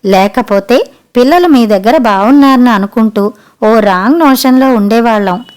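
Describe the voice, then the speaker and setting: A woman reading the part of an irritated young mother who scolds her mother-in-law with sharp, reproachful questions in an audiobook story. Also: a little high, normal speed, close to an everyday voice. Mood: scolding.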